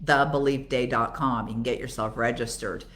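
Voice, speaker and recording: Her voice is very deep yet fairly bright, steady in tone and moderate in pace. She's an older Canadian-accented coach and author from Toronto, hosting a live Q&A conversationally and answering the rhetorical questions she raises.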